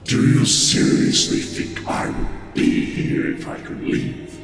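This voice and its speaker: Huge imprisoned deity, fantasy tabletop game. Extremely deep, grandiose, menacing gravelly rumble, drenched in echo. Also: male voice, very animated, slow, recorded from a distance, soft background music, heavily acted. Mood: dismissive. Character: huge chained male godlike prisoner, arrogant and brooding. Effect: heavy echoing reverb on the voice. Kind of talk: tabletop fantasy role-play. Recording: cavernous echo and long reverb.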